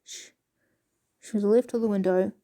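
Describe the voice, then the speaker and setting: A woman casually reading passages aloud with a halting, stumbling delivery and soft asides. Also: medium pitch, steady tone. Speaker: video creator reading excerpts aloud.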